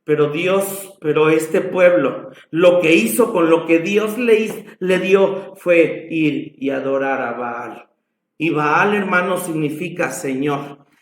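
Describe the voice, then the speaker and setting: A man's voice: a little high, slow pace, roomy sound. A man with a Mexican accent preaching a sermon in a church, dramatic and passionate in his storytelling. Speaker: pastor.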